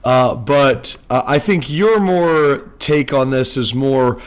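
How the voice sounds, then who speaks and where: Talking slowly with a clean, medium-pitched voice, this sports podcast host jokes and chats casually. He records under a blanket on a home microphone and seems a bit anxious about how he sounds.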